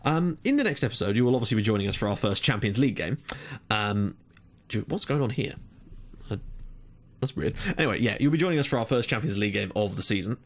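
A young man giving casual commentary over a football management game, animated, swearing and exclaiming at what happens on screen. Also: on the low side, fast talker. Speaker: gaming YouTuber.

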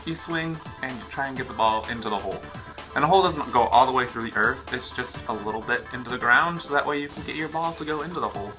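Young male co-host, mid-pitched, casual playful debater, music clearly behind him. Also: fast talker. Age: young adult. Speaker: video co-host. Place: small living room, indoors on a sofa.

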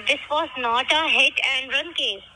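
A woman's voice: high-pitched, unhurried. A woman working as a call center agent who keeps patiently repeating set phrases. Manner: repeats "all right", patient, formulaic. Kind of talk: scripted customer service call. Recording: phone line with background noise.

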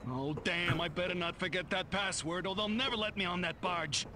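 A man's voice: high voice, a little fast, a loud crowd, natural voice. An actor playing a nervous ordinary man muttering his worries to himself. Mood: fretful. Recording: game audio with loud noise behind.

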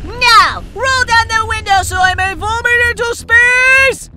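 High-pitched, bombastic Invader Zim. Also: unhurried, recorded from a distance, over loud music. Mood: impatient. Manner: shouting, bombastic, theatrical. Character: loud, grandiose small male alien invader. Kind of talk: cartoon comic dub.

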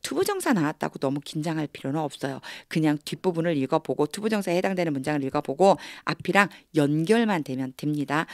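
A woman with a lowish voice and a Korean accent teaches English from Bible verses. She reads each English phrase slowly, then explains it in quick, patient bursts. The sound is dry and close. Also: a little mellow, no echo. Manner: explains patiently, asks and answers her own questions. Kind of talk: Bible English reading lesson.

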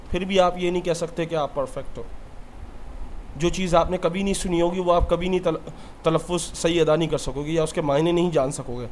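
A man's voice: high voice, a little mellow, slight background noise. A man who teaches English and talks earnestly about his own mistakes in a motivational lesson.

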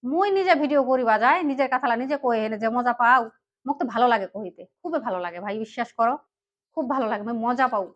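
A woman's voice: fairly high pitch, animated, fast talker, a bit bright, highs cut off. A woman from Panchagarh with a northern Bangladeshi dialect, talking earnestly to her viewers and often asking them "right?". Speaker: vlogger. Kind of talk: direct-to-camera talk.

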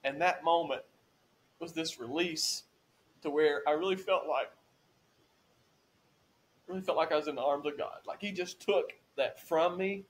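A man's voice: on the high side, a little slow, pauses often. A man in his forties on a podcast, telling a personal faith testimony with earnest feeling, his voice rising when he is moved. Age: 40s. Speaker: podcast guest. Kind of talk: emotional testimony.

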